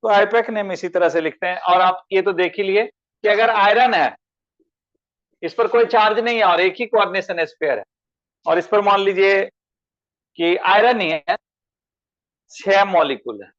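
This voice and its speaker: A man's voice: sits high, fairly bright tone, dull audio. A male chemistry teacher giving an online class lecture, calling students by name and asking them questions. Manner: addresses students as beta, asks them questions.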